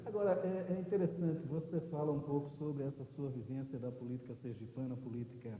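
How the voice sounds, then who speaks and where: A man with a mid-range, dark and mellow voice asks an interviewer's questions, pausing on fillers and ending with tag questions. The room is echoey, and a long reverb hangs after each phrase. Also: medium pitch, fairly even intonation.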